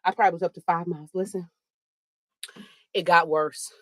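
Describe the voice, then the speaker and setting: A woman telling a funny story in a sassy, animated way, talking to listeners as girl and baby while she walks on a treadmill. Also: on the low side, fairly quick, no room sound. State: walking on a treadmill. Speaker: podcast host. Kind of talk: casual storytelling while walking. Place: home treadmill, indoors.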